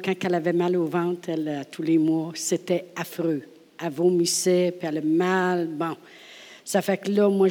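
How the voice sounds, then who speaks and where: A woman with a Québécois French accent preaching a sermon, telling the story with animation, laughing often and swinging from hushed asides to loud acted-out lines. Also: on the low side, long reverb tail.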